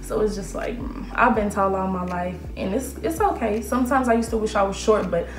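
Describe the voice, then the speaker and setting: A woman's voice: mid-range voice, a little fast, roomy sound. A nineteen-year-old woman chatting to camera in a casual Q&A vlog, self-assured and full of fillers. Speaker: aspiring model vlogger. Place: small room indoors.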